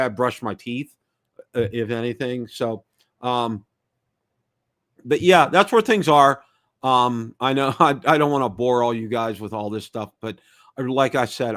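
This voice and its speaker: A man's voice: mid-range voice, fairly bright tone. A middle-aged man hosting a casual live stream, talking in a rambling, chatty way with many fillers and restarts, with temporary teeth after oral surgery. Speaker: host of a live drone show.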